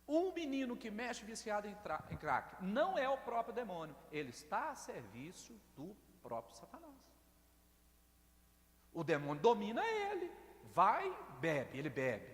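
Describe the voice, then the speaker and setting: A Brazilian pastor delivers an evangelical sermon in a high, lively voice that leaps up and down as he tells his stories. He keeps calling out to the brothers in the pews. The sound carries a long reverb from the church hall. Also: moderate pace. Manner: storytelling, addresses congregation as brothers.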